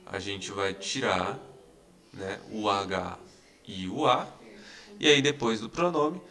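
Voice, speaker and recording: Gravelly man teaching English. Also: fairly low pitch, slow pace, bright, forceful tone. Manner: explains patiently, repeating examples with many "tá?" and "né?" checks. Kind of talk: recorded online lesson.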